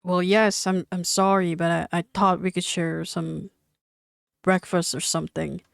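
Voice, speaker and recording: A woman reading the lines of a cheerful, awkward young man who stammers and apologizes, in a slow, smooth voice. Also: lowish voice, level tone, no echo. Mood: sheepish.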